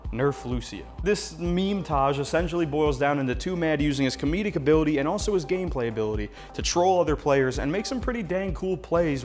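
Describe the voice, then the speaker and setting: A man's voice: on the high side, a little mellow. A man giving scripted video essay narration with informal, colloquial wording.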